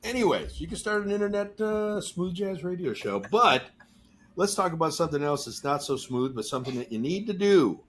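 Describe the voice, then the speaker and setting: A man's voice: sits high, sing-song, brisk, fairly bright tone, a little hiss or hum. A man hosting a podcast, talking in a casual, joking and explanatory way. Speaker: podcast host.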